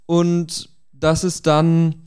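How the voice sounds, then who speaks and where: Higher-voiced man in casual podcast talk. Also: monotone, drawn-out words, darkish tone, clean tone.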